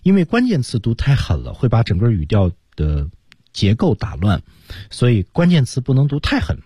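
Guy teacher explaining pronunciation on a radio lesson, low mellow husky voice, dry close sound. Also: wildly swooping pitch, no room sound. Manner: measured, explanatory with many fillers.

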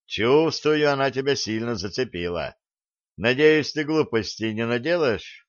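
A man reading an audiobook, voicing a calm, authoritative ship captain in a measured way. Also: mid-range voice, no room sound, highs cut off, natural voice. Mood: firm.

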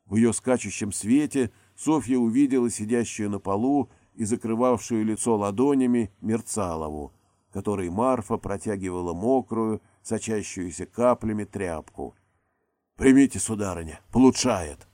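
A man reading a novel aloud as audiobook narrator, in calm, even storytelling. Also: lowish voice, moderate pace, dry recording, clean studio sound. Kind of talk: scripted narration.

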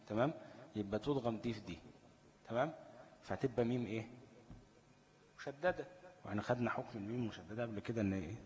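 A man's voice: medium pitch, in a large hall. A man with an Egyptian accent teaching tajweed, asking his students questions and stretching out the recited examples. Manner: call-and-response questioning, drawn-out recited examples. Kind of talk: tajweed lesson.

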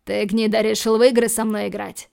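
A woman voicing a cold, menacing male hero who threatens calmly in low, clipped lines, for an audiobook. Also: a little fast, vocal fry, clean tone. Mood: threatening.

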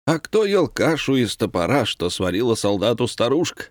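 A man's voice: mid-range voice, big pitch swings, moderate pace, no room sound, studio quality, voice pushed up, natural voice. A man reading a story, voicing a grumbling, envious male commandant who complains indignantly.

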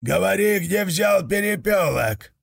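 A man doing a greedy, domineering khan from a storybook, with a heavily gravelly voice. He drags every word out slowly and sits above the narrator's usual pitch. He barks his commands as if calling across a yard. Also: lively intonation, fairly bright tone, no echo, raised voice, clean studio sound, full character voice. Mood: commanding. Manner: slow, bellowing commands.

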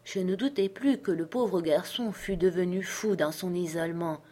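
A woman reading a classic adventure novel aloud as steady, clear narration. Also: lowish voice, moderate pace. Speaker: audiobook reader. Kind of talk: scripted narration.

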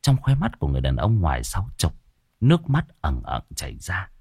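A man narrating a ghost story in a lively, dramatic telling. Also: low-pitched, fairly quick, creaky, husky, no room sound, studio quality. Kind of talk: scripted narration.

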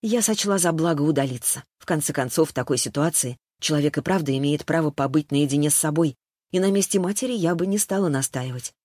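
A woman reading an audiobook in first person, with even storytelling narration. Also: low-pitched, quick pace, dry recording, clean studio sound.

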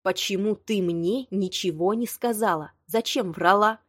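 A woman reading the lines of a blunt, hot-tempered young man, a lawyer, with a sharp, exasperated delivery. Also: medium pitch, unhurried, dry recording, studio quality, close to an everyday voice. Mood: heated. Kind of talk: audiobook dialogue reading.

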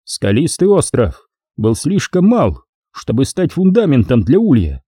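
Narrator voicing a blunt commanding general, dark husky voice, lively delivery, audiobook. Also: male voice, mid-range voice, unhurried, no room sound, clean studio sound, pitched above the performer's own voice, heavily acted. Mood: stern.

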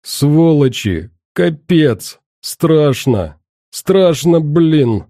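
A man's voice: on the high side, sing-song, very slow, dark tone, no room sound, clean studio sound, exaggerated voice. A man voicing a terrified young male captive who pleads and stammers in panic, in an audiobook. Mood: panicked pleading.

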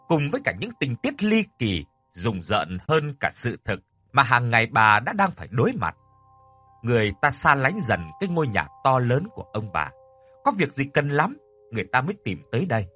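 Male horror narrator, husky voice, lively pitch, faint music behind. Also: normal speed. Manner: expressive, dramatic storytelling. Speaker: storyteller. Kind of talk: scripted horror story narration.

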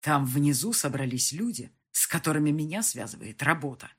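A woman voicing a stern, wealthy man who speaks tersely and hisses his words low and controlled. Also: normal speed, husky. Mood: restrained anger.

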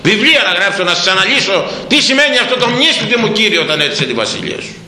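An older priest preaches a sermon on Proverbs, posing rhetorical questions to his congregation and repeating phrases for emphasis. His high voice is very animated, pushed and bright, recorded in an echoey room with faint background noise.

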